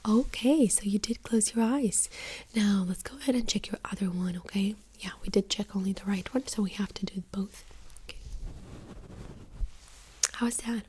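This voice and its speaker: A woman doing a whispered role-play as a doctor in a soft-spoken ASMR exam, gently giving step-by-step instructions in a breathy whisper. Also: medium pitch, normal speed, pauses often.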